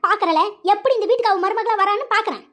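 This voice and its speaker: In this cartoon voice-acting clip, a performer plays a bossy, money-minded middle-aged mother, scolding her son in a colloquial, domineering way. The voice is extremely high, a bit bright, and delivered fast.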